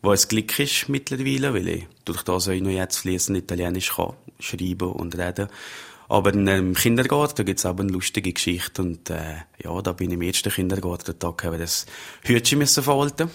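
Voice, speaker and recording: A man's voice: low voice, a little fast, gravelly. A man with an Upper Valais Swiss German accent, an interview guest who tells easygoing, rambling stories about himself. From Upper Valais, Switzerland. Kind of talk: conversational interview.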